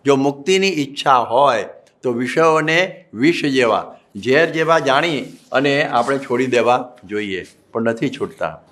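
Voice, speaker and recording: A man's voice: medium pitch, fairly bright tone. A man with a Gujarati accent, a monk preaching a religious discourse, telling folksy stories with acted quotes and chanted Sanskrit verses.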